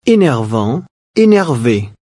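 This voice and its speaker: A man and a woman speak together in unison, pronouncing French lesson drill words carefully and deliberately. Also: medium pitch, sing-song, warm tone, no echo, clean studio sound. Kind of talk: slow, clearly spoken lesson drills.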